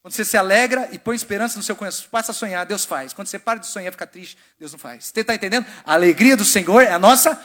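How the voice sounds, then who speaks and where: Brazilian pastor, high and bright. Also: male voice, rapid-fire, hardly any pauses. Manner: exhorting, call-and-response with congregation; swings between loud preaching and quiet asides. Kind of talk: sermon. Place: church sanctuary.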